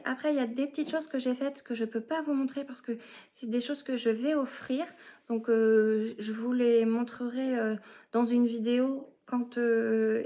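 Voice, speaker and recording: Slow, hesitant woman podcaster. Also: a little high, a little mellow, lo-fi sound. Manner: hesitant, often searching for words. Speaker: knitting and reading podcast host. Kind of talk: casual podcast chat about knitting and books.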